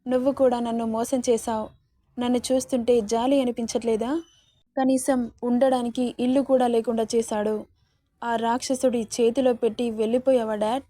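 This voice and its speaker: A young woman mourning her father pours out a tearful, pleading lament, as a woman reads her lines. The voice sits a little high and mellow. It sounds dry and close. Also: flat delivery, normal speed, dry recording, lightly acted. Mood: grieving. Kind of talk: dramatic story reading.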